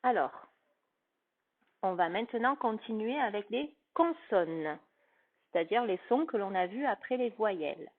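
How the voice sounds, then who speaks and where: Patient woman teacher, slow and clearly spoken, phonics lesson for a child, recorded with a thin phone-line sound. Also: mid-range voice, animated. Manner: slow, carefully articulated, patient, addressing a child.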